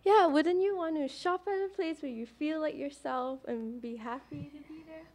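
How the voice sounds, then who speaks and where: A woman's voice: high voice, moderate pace, darkish tone. A young woman from Malaysia, a student giving a case competition presentation, upbeat and hesitant with fillers. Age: young adult.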